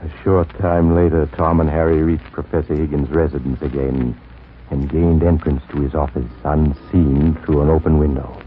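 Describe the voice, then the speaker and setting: A sly, sinister old host of spooky tales, his voice sunk extremely low. He spins his story slowly and darkly, like an old radio show heard through a tinny 1940s broadcast with a faint hiss. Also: little pitch movement. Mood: ominous. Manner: slow, ominous storytelling. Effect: old radio show sound. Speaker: narrator and host. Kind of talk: 1940s radio horror narration.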